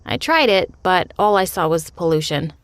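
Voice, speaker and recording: A woman's voice: fairly low pitch, lively intonation, normal speed, no room sound. A woman narrating a dramatic personal story in a scripted, earnest way.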